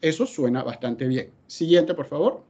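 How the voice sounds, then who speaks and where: A man gives a webinar presentation, emphatic and steady. He often asks a question and answers it himself. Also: a little high, moderate pace, husky, highs cut off. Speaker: webinar speaker. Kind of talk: presentation talk.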